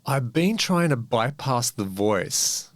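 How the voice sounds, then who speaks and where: A man co-hosting a podcast in casual chat, rambling and animated, swearing freely. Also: medium pitch, slow pace, no room sound. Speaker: podcast co-host.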